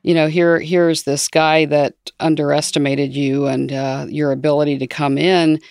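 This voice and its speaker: A woman's voice: low voice, flat delivery, moderate pace, creaky, a little mellow, no echo, clean studio sound. A woman in her sixties interviewing a guest, reflecting on her own experience as she asks questions. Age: 60s. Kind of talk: conversational interview.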